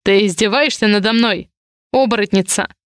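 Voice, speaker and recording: A woman's voice: mid-range voice, normal speed, clear, resonant tone, no echo, clean studio sound, natural voice. A woman reading the lines of a stern, haughty male duke in a cold, commanding manner, in a story. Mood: furious.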